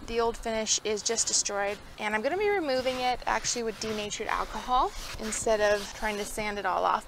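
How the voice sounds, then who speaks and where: A woman's voice: fairly high pitch, fairly bright tone, a little hiss or hum, rough recording. A woman vlogging her furniture flip, chatting casually through each step with some ums and asides. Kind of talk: casual how-to explanation. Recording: background music. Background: background music.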